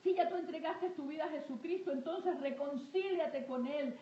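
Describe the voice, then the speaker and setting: A high-voiced woman leads fervent prayer and exhortation for an online audience at a normal pace, emphatic and repetitive, invoking often. The audio is dull, with roomy echo and faint background noise.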